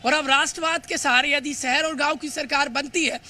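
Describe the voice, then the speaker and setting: A man reporting live for the news, emphatic and hurried, often stumbling over words and filling pauses. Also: very high-pitched, fairly even intonation, bright, forceful tone. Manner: fast, emphatic, with frequent stumbles and fillers. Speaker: field reporter.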